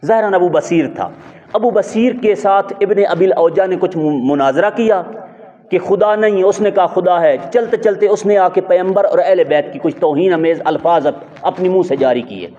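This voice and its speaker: A man's voice: sits high, warm tone. Guy preaching a sermon, lots of emphatic questions, dull lo-fi sound in a big hall. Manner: emphatic, rising rhetorical questions. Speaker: religious scholar. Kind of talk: sermon storytelling. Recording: dull lo-fi audio in a long-reverb hall.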